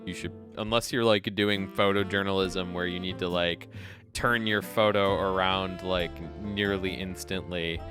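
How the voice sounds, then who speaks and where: A man hosting a casual photo editing livestream, talking in a relaxed way with lots of fillers and encouraging his co-editors. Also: low-pitched, a little slow, music in the background. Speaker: host of a photo editing stream.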